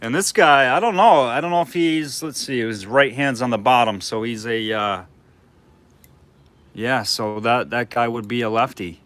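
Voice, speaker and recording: Guy running a live auction stream, bright voice, rambly and casual, rattles off bids. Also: medium pitch. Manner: chatty, rambling, quick bid calls. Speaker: livestream auctioneer.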